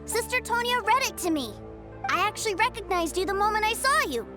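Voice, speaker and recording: Teucer, a high-voiced eager little boy. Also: expressive, a little fast. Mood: earnest, pleased. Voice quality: childlike. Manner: earnest, eager. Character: innocent, eager little boy, trusting kid brother. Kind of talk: animated video game dialogue. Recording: music under the voice.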